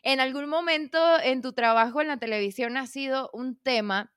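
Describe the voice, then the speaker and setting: A woman from Venezuela with a Venezuelan accent, a voice-over artist hosting a casual interview, lively and quick to laugh. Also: sits high, smooth, no echo, studio quality. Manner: lively storyteller, laughs easily. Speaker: podcast host, voice-over artist.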